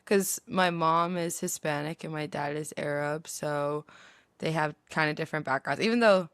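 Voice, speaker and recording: A young woman guest on a podcast, telling stories in a giggly, animated way, who grew up in Qatar. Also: deep voice, moderate pace, clean tone, no room sound. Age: young adult. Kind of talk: casual chat.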